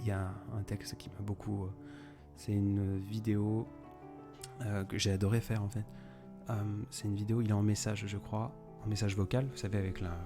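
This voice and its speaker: A young man hosting a live stream, chatting casually and rambling as he answers viewers by name. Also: on the low side. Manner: rambling, improvised, talks straight to viewers by name. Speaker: poet and live-stream host.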